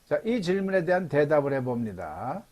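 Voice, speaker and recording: A middle-aged man lectures over a video call, guiding learners through grammar one step at a time. His voice has a husky edge, and his pitch rises and falls with lively energy. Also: moderate pace. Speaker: English teacher. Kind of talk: Zoom lecture.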